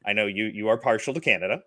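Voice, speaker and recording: A man's voice: lowish voice, lively intonation, fast, a bit bright, no echo. A man hosting a casual live-streamed movie review chat, rambling with lots of filler words. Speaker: podcast host.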